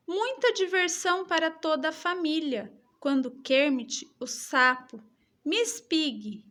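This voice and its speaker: A woman teacher with a Brazilian Portuguese accent reads a schoolbook lesson aloud for young pupils. Her voice is high, and she draws each word out slowly, with strongly exaggerated rises and falls. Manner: slow, expressive reading with exaggerated intonation.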